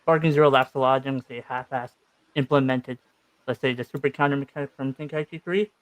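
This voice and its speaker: A man's voice: medium pitch, fairly even intonation, quick pace, no echo. Man talking with braces, dry close sound. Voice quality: speaking with braces in the mouth. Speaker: guest debater. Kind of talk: casual gaming debate.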